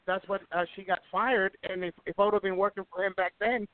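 A man's voice: high-pitched, fairly even intonation, fairly quick, no room sound. A middle-aged man from Ecuador telling wrestling stories in a casual radio interview, rambling with many restarts. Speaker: wrestling promoter and guest. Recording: tinny phone line.

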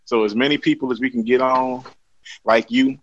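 A man's voice: medium pitch, fairly even intonation, moderate pace, highs cut off, slight background noise. A man hosting a casual sports podcast, joking and swearing with a guest. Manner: profane, laughing, joking banter. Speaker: podcast host.

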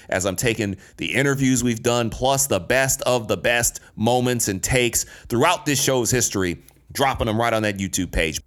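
A man's voice: mid-range voice, a bit bright. A man from the United States hosting a solo podcast in a casual, slangy, emphatic way, repeating phrases for effect. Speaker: podcast host. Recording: music behind the voice. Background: music.

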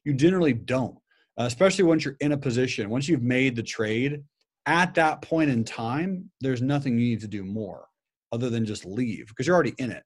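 A man in casual conversation, calmly giving practical advice on trading discipline. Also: mid-range voice, fairly quick, husky.

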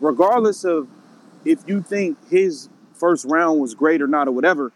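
A man's voice: on the high side, moderate pace. A man in a casual group discussion who repeats his phrases to make his point.

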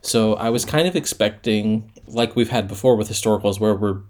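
A man co-hosts a casual podcast in an easygoing way, often laughing at himself. His voice sits on the low side. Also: a little fast, darkish tone. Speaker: podcast co-host.

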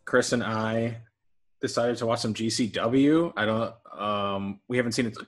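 A man's voice: medium pitch, unhurried, soft background music. A man co-hosting a casual wrestling podcast, rambling with restarts while he has the hiccups. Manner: rambling, self-interrupting. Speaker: podcast co-host.

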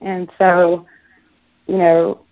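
Woman, from Israel, low-pitched, rambling, lots of fillers, phone-line sound. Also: little pitch movement, very slow. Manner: rambling, many restarts and fillers. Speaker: musician guest. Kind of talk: casual interview.

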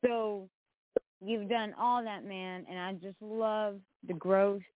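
A woman's voice: mid-range voice, fairly even intonation, slow, no echo. Dry, narrow-band woman co-host in group chat. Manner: effusive and encouraging, slangy, says "man" and "dude" often. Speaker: co-host of a music show.

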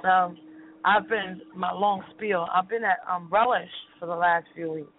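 A woman's voice: lowish voice, fairly even intonation, measured pace. A woman calling in over the phone from a train, chatty and effusive. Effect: over the phone, speakerphone. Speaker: call-in guest, singer. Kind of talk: casual chat. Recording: tinny phone line with faint noise.

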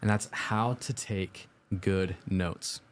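A man with a fairly low voice hosts a casual livestream. He delivers advice in an upbeat, orderly vlogger manner, talking informally and directly to his viewers and often putting questions to them. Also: fairly even intonation, takes it slowly. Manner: informal, conversational, posing questions to the audience. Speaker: host of a live-streamed IT study show.

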